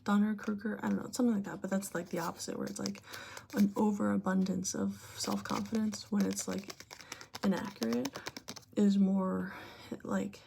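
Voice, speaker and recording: A woman giving a breathy, whispered and very soft-spoken ASMR pep talk, speaking informally and gently to the listener. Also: medium pitch, level tone, normal speed, slight background noise. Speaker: ASMR creator giving advice.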